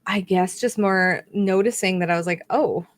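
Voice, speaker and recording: A woman's voice: mid-range voice, moderate pace. A young woman co-hosting a podcast, chatting casually in a rambling, self-correcting way. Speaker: podcast co-host. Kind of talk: casual chat.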